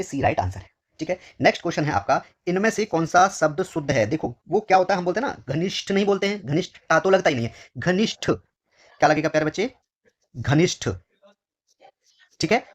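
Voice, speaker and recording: With a slightly high, breathy-edged voice, this Hindi exam teacher from India goes over test questions in a walkthrough lesson. He addresses his pupils as dear children, repeats every phrase slowly, and lowers his voice on each answer word.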